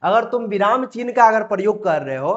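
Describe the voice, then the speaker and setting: Male teacher, high voice, patient repetitive explaining, muffled lo-fi recording. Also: expressive. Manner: repeats phrases, reads examples slowly word by word. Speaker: Hindi grammar teacher. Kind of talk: classroom lesson explanation.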